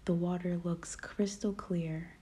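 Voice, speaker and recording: A woman guiding a meditation in a calm, soft voice that often drops to a whisper. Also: fairly low pitch, slow. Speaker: podcast host. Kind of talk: guided meditation.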